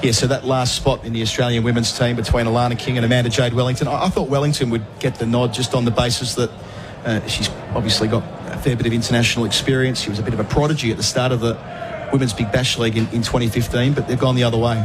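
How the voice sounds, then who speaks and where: A man's voice: medium pitch, fast. A man giving live ball-by-ball cricket commentary, conversational and putting questions to his co-commentators. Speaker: cricket commentator, lead caller. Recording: steady outdoor ambient noise.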